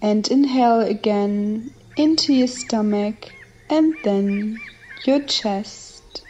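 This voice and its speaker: A woman narrates a scripted guided meditation very slowly, speaking in short, measured phrases broken by long pauses and offering affirmations. Her voice is on the high side and warm, though the recording is muffled, with nature and ambient sounds playing behind her.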